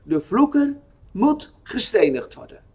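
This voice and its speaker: Male narrator playing a stern, solemn God, slow measured delivery, children's Bible tale. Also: high-pitched, sing-song, slightly rough, pitched above the performer's own voice, heavily acted. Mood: stern commanding. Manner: solemn, commanding.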